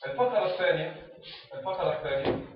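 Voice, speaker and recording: A man's voice: high-pitched, expressive, fast talker. Man explaining in an echoey room. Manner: explains step by step, acts out teacher and pupil exchanges. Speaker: teacher trainer. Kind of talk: instructional talk on teaching reading. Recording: echoey, distant, slightly dull room recording.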